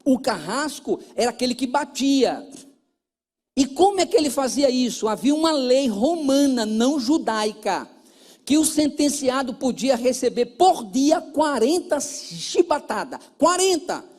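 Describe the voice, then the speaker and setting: A man's voice: very high voice, animated, unhurried, a little mellow. A male pastor with a Brazilian Portuguese accent, preaching a sermon and telling a counseling story, acting out the dialogue and repeating phrases for emphasis.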